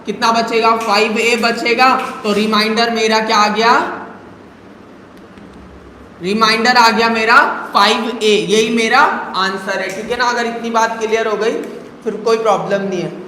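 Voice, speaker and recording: A man's voice: high-pitched, little pitch movement, a little slow, bright, forceful tone, slight background noise. A male math teacher giving a live online lesson, coaxing students with rhetorical questions and calling them "beta". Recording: very echoey room, faint ambience.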